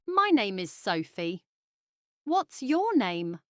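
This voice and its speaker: A woman with a British accent playing a friendly young office worker in a slow, carefully spoken practice dialogue. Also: mid-range voice, big pitch swings, no room sound, clean studio sound.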